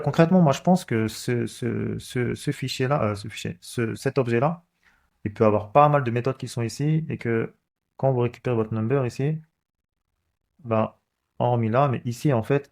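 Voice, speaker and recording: A man hosting a coding channel speaks at a moderate pace in a mid-range, slightly mellow voice with vocal fry. He casually works through code on a screen recording, thinking out loud and often stopping to restart or fill in with filler words.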